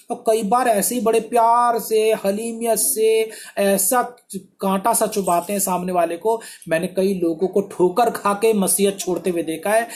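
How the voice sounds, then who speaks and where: A man's voice: sits high, a little mellow, a little hiss or hum. A male pastor preaching a sermon in an emphatic, exhortative way, asking many rhetorical questions.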